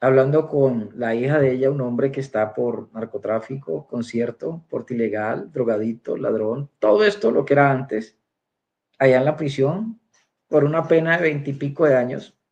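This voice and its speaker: A man recounts his church testimony in a storytelling manner, switching into the voices of the people in his story. His voice sits at a middle pitch. The recording sounds dull and lo-fi. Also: moderate pace, vocal fry. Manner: storytelling, acting out quoted dialogue. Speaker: church member giving a testimony. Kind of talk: spoken personal testimony.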